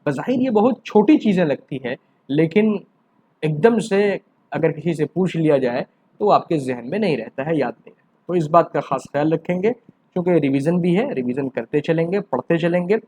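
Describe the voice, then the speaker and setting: High-voiced lively grammar teacher. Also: male voice, husky. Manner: explains with rhetorical questions and answers them himself; lively, rises to emphatic questions then drops low. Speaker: Urdu teacher. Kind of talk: exam-prep grammar lesson.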